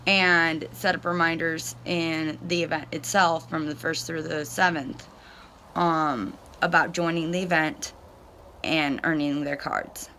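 A woman's voice: on the low side, bright, forceful tone. A woman in her thirties giving a casual, matter-of-fact tutorial to camera, recorded on a phone on a covered porch. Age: 30s. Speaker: direct sales consultant giving a tutorial. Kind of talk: casual explanatory talk to camera. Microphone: phone at arm's length or propped close. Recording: faint outdoor background noise.

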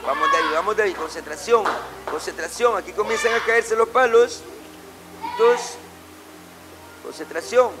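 Over music, a middle-aged man with a high voice speaks at a measured pace and pauses often. He's a martial arts instructor in an indoor gym with a matted floor, calling out drills and giving his class short, commanding, repeated orders and corrections.

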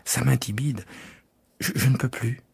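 A man voicing a gentle, bewildered young boy prince in an audiobook, asking timid questions. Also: medium pitch, fairly even intonation, measured pace, gravelly, breathy edge, dry recording, clean studio sound, voice pushed up, exaggerated voice. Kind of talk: audiobook character voice.

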